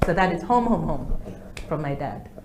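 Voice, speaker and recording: A woman's voice: deep voice, lively intonation, normal speed. A Ugandan woman in her forties, a guest answering interview questions and laughing now and then. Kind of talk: interview conversation. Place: studio. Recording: echoey studio with faint noise.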